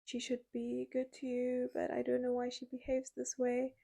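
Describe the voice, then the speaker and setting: A woman's voice: sits high, monotone, normal speed, creaky, mellow, pitched above the performer's own voice. A woman voicing a frightened young woman, pleading and placating in a raised voice.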